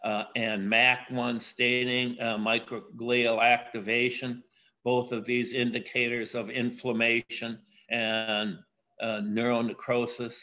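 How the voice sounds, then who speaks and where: Older man, academic keynote, very slow and deliberate, bright voice, pauses and uhs. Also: mid-range voice, little pitch movement. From USA. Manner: slow, measured, with frequent pauses and filler uhs. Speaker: keynote speaker. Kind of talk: academic lecture.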